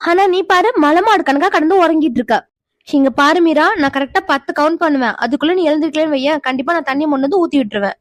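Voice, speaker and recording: Woman doing a naggy bossy cartoon older sis, high voice, always telling someone off. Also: fast talker, no room sound, clean studio sound, lightly acted. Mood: exasperated. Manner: scolding, sharp-tongued, bossy. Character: bossy scolding older sister type, young woman. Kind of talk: cartoon voice acting.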